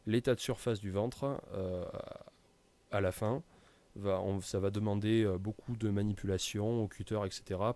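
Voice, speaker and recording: A man walks through software settings in a casual tutorial, with many hesitations and fillers. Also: fairly low pitch. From France. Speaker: tutorial presenter. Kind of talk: screen-recorded software tutorial.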